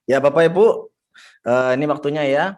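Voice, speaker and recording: A man's voice: a little high, normal speed, darkish tone. A man moderating a question-and-answer session over a video call, politely reading out questions. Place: online meeting.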